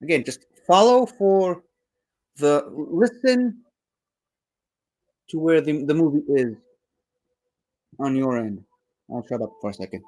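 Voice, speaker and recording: A man's voice: on the high side, expressive, takes it slowly, pauses often, a little mellow. A young man giving casual, rambling, enthusiastic commentary while rewatching a movie, often correcting himself.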